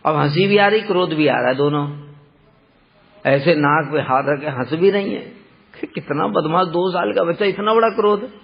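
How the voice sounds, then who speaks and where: A man telling a devotional story in a lively, conversational way, often asking the listeners rhetorical questions. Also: on the high side, normal speed, gravelly. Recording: dull lo-fi sound with long hall reverb.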